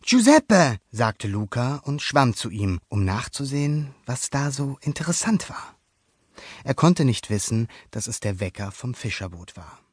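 A man narrating a children's story aloud in a lively storytelling manner. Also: mid-range voice, a little slow, breathy edge, no echo, clean studio sound.

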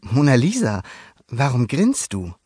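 A man's voice: medium pitch, huge pitch swings, measured pace, mellow, breathy edge, no room sound, clean studio sound, heavily acted. A man voicing an eager, flustered young sea monster boy in a storybook reading, talking in a hasty rush. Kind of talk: storybook character voice.

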